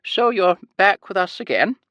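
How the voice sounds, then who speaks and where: Cheery elderly Scottish nurse, voiced by a man, high and sing-song, punches key words, audiobook. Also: very animated, moderate pace, a bit bright, no room sound. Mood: sweetly cheery.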